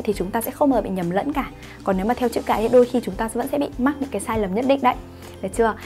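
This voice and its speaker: A woman English teacher, explaining grammar in an online lesson and often asking her students whether they follow. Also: a little high. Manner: explains patiently, asks "right?" to check understanding.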